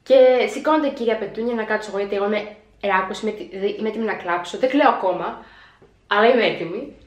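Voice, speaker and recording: A young woman telling a story in a vlog, animated, acting out her own panic as she retells it. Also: mid-range voice. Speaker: vlogger. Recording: echoey room.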